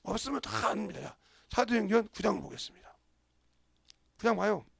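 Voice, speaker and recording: A middle-aged male pastor preaching a storytelling sermon, acting out voices and sometimes shouting. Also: high-pitched, animated, moderate pace, gravelly, breathy edge, no room sound. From South Korea.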